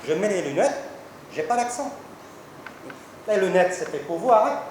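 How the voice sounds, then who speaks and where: A man's voice: sits high, lively intonation, normal speed, very echoey, noisy background. A man playing a vain male film star with a put-on Italian accent in a live comedy sketch, talking emphatically and stubbornly on a stage. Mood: playful. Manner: emphatic, exclaiming, stubborn, playful. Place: stage at a resort show.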